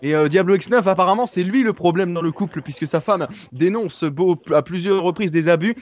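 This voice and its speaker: A prank caller with a high-pitched male voice plays an earnest breaking-news anchor in a mock broadcast, reporting as though live. His delivery is brisk and close to everyday speech, mock serious, and he insists, repeats himself, and stumbles over his words.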